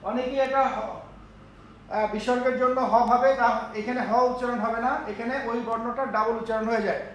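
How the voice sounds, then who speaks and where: Male teacher, very high voice, patient step-by-step classroom explainer; faint room hum behind. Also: steady tone, brisk. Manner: explains step by step, often checks understanding. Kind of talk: classroom lecture on pronunciation. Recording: echoey room, voice from far off.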